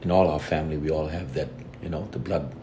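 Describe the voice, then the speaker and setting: A man's voice: very deep voice, fast, background noise. A man from Fiji, a reggae band's lead singer talking earnestly and reflectively as an interview guest. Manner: earnest, reflective, steady storytelling. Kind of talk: casual interview conversation.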